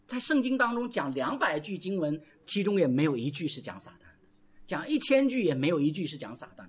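Husky, animated male pastor preaching. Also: a little high, a little fast. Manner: animated preaching with call-and-response asides. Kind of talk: sermon.

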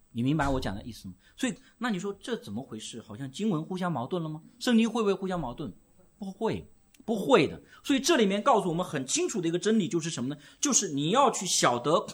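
A man's voice: fairly high pitch, fairly bright tone, breathy edge. A man preaching a sermon, asking the congregation questions and answering them himself. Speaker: pastor.

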